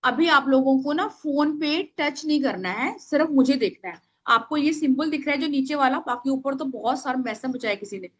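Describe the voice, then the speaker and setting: A woman teaching a live online workshop over a video call, naming participants and dictating affirmations slowly for them to write down. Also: high voice, fairly bright tone.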